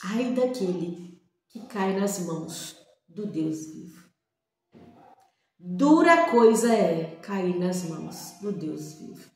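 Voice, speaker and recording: A woman's voice: on the low side, animated, slow pace, pauses often. Emotional woman telling her testimony. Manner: dramatic, emphatic storytelling, addresses viewers directly. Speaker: person giving a religious testimony. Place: seated on an old creaky chair. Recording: very echoey room.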